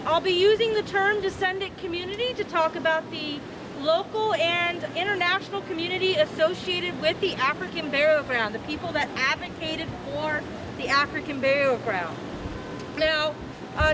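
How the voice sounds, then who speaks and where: A woman from the American South giving a guided talk as a park ranger, friendly and asking the crowd questions. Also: high voice. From southern United States. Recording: clear boat engine and wave noise.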